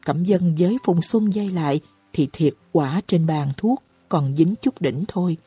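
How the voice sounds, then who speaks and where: Woman narrator for an audiobook, low husky tone, dry close mic with faint music underneath. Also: no room sound. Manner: reads slowly and evenly, raising her voice for characters' cries. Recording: dry close recording with soft music behind.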